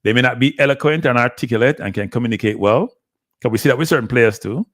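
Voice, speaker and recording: A male sports radio host who talks quickly and bluntly, cutting in to challenge his callers. He slips Jamaican patois into his speech, at a mid pitch, and sounds dry and close to the mic. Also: fairly bright tone, no room sound. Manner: blunt, pushes back on callers. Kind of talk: call-in sports talk.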